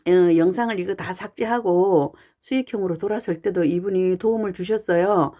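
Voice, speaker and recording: A woman fan channel YouTuber talking casually and earnestly to her viewers, pausing often with "uh". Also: medium pitch, warm tone. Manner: chatty and earnest, with frequent "uh" pauses. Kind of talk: casual talking-head monologue.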